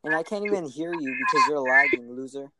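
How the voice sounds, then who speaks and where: A man's voice: mid-range voice, expressive, fairly quick. A man co-hosting a casual podcast over a call, arguing and joking, at times putting on broken English. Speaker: podcast co-host. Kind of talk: casual chat. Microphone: remote call mic. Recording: loud noisy call mic.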